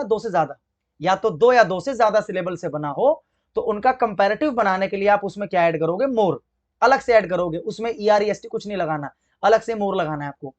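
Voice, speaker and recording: The audio is dull, and the man's voice is high. He's teaching English grammar for exams in Hindi, with an accent from it, asking the class questions and then answering them himself as he slowly spells out words.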